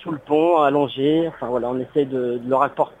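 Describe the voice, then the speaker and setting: A man calling in to a radio show by phone, speaking politely and formally as a volunteer and pausing often as he explains. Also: medium pitch, steady tone, darkish tone. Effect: phone call heard on air. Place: outdoors on a street round. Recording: dull lo-fi phone line.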